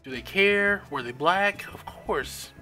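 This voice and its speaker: A man's voice: high-pitched, animated, slow pace, over music. A man chatting casually on a live stream, telling stories in an emphatic, swearing manner. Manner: storytelling, emphatic, swears freely. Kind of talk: casual chat.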